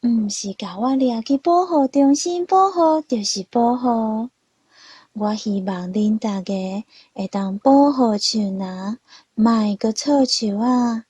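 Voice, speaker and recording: A woman's voice: on the high side, slow pace, mellow, breathy edge, dry recording, muffled recording. A woman voicing an outspoken young male leopard cat in a storybook tale, earnest and pleading. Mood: earnest speech. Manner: earnest, pleading, speech-making.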